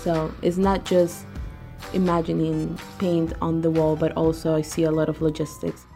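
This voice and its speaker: A woman's voice: low voice, level tone, normal speed, gravelly, dark tone, soft background music. A young woman from Peru, a guest on a radio interview, talking conversationally with frequent ums and uhs. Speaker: guest, arts organizer.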